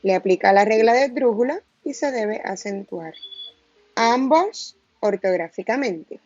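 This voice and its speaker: A woman teacher giving a recorded grammar lesson, stressing each syllable slowly and deliberately. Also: a little high, animated, a little mellow, muffled recording, slight background noise.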